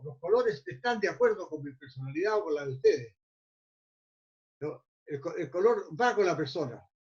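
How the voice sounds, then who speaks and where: A mindfulness teacher, a man with a fairly high voice, leads a class in a loose, rambling lecture, tripping over repeated words as he searches for what to say next. His tone is mellow, and the recording is muffled and lo-fi.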